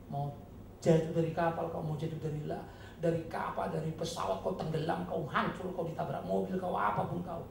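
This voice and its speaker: A male pastor preaching a sermon in an animated, mocking way that swings between loud outbursts and low, earnest tones. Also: gravelly, reverberant, slight background noise. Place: church hall.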